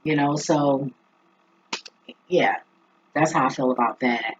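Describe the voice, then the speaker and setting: A vlogger with a husky voice talking casually and reflectively to viewers, halting and thinking aloud. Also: medium pitch. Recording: dull lo-fi recording.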